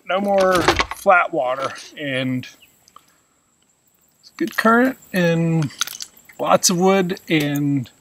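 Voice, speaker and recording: Man in his thirties, slow and unhurried, pausing as he thinks aloud, with clear outdoor river noise behind him. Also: a little high. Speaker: kayak angler. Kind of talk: casual fishing vlog. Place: outdoors on a tight, wooded river, in a kayak.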